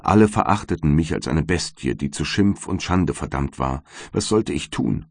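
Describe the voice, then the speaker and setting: A man's voice: very deep voice, lively intonation, normal speed, gravelly, no room sound, studio quality, exaggerated voice. Man reading as Justine, a weeping condemned young maid. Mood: despairing. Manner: tearful, imploring. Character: condemned young servant woman, weeping and devout.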